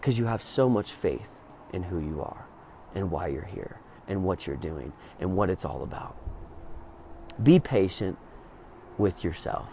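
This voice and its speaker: A man speaking to an audience, telling a personal story and then urging listeners on, swinging between hushed and emphatic. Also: low-pitched, animated, measured pace, long pauses, slight background noise. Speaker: motivational speaker. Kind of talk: inspirational talk to an audience.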